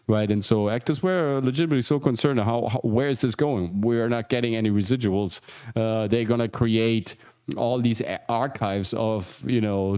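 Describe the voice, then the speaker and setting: A man hosting a casual livestream as an acting coach, rambling with many restarts and asides and jumping higher for emphasis. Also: darkish tone, clean tone. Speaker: acting coach and show host.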